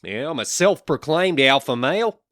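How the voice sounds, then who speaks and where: A loud, high, swaggering young tough guy who brags about being top dog, as a podcast host mocks him with a put-on voice. He sounds cocky and full of himself. The delivery is dry and close to the mic. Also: sing-song, normal speed, no room sound. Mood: boastful. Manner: bragging, swaggering. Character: boastful self-proclaimed alpha male, young man.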